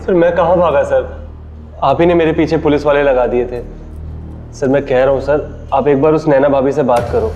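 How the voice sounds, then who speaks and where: A man's voice: medium pitch, steady tone, normal speed, a little mellow, dull audio, faint music behind, close to an everyday voice. An actor playing a nervous young man pleading innocence to the police in a crime TV drama. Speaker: suspect.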